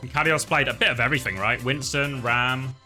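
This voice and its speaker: A man's voice: medium pitch, fairly even intonation, brisk, pushed and bright, soft background music. A man in his thirties co-streaming an esports match, rambling and correcting himself as he talks to chat. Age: 30s. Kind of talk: casual livestream commentary.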